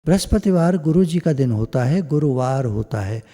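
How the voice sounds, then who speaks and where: A man with a mellow, slightly high voice gives a chatty spiritual satsang talk over a video call. He piles up repeated phrases in lists, and his throat sounds a bit scratchy. His voice trails in a long reverb. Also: expressive, moderate pace. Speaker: spiritual teacher. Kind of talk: satsang discourse.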